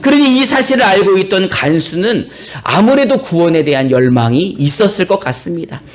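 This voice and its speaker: A male pastor preaching a sermon and reading scripture, telling the story with animated, acted-out flair. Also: high voice, brisk. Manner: animated storytelling, acts out biblical characters.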